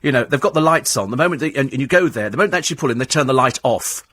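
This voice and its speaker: A man's voice: medium pitch, expressive, racing, fairly bright tone, dry recording. A man, a radio talk show host ranting sarcastically in a studio. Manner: sarcastic, mocks cabbies in put-on voices.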